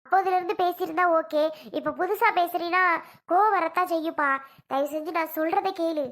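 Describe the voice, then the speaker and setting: Pleading cartoon mother, high. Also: steady tone, fairly quick, fairly bright tone. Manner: coaxing, pleading. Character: pleading middle-aged mother, woman. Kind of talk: cartoon serial voice acting.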